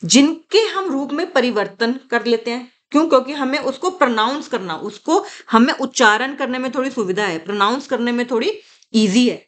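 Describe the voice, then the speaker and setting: Woman teaching, high voice. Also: animated, a little fast. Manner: explains patiently, repeats key words, asks and answers her own questions. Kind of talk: exam-prep grammar lesson.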